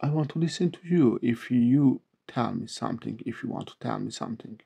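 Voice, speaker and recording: A man with a Turkish accent explains English verbs to beginners, pausing to repeat each word and example. His voice is deep-toned and mellow, with heavy vocal fry and a husky edge. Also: animated, dull audio. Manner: slow, repeats words and example sentences. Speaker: English teacher.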